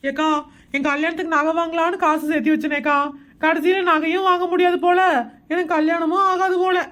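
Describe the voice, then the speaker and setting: Whiny cheeky young cartoon village girl voiced by a woman, high voice, a bit far from the mic. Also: fairly even intonation, quick pace, a bit bright.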